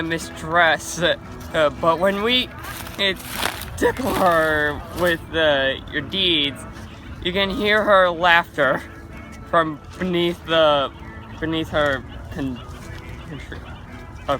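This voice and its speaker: A man in a street interview, speaking haltingly with many fillers. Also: fairly high pitch, noisy background.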